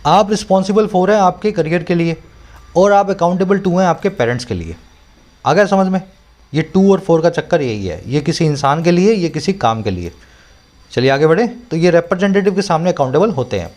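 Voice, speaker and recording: Animated and a bit fast, a man with a high but darkish-toned voice tutors English by walking a learner through a newspaper editorial. He speaks Hindi mixed with English terms in an Indian English accent, frequently confirming the learner understands.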